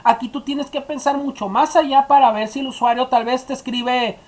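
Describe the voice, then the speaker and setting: A woman's voice: sits high, fairly even intonation, moderate pace, a little mellow. Woman explaining a coding tutorial. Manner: explaining step by step, addressing students directly. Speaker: teacher. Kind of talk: screen-recorded coding tutorial.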